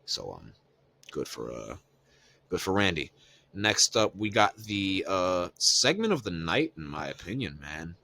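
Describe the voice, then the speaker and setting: A man's voice: deep voice, big pitch swings, a little slow, creaky, pushed and bright, a little hiss or hum. A man co-hosting a podcast, recapping wrestling in loose, profane casual chat full of fillers. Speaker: podcast co-host.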